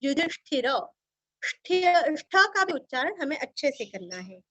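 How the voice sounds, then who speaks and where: High-voiced woman teaching slow chanting. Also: very animated, sharp tone, no room sound. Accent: Marathi. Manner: slow, careful syllable-by-syllable drilling with chanted verses. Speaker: recitation teacher. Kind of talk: teaching Sanskrit chanting pronunciation.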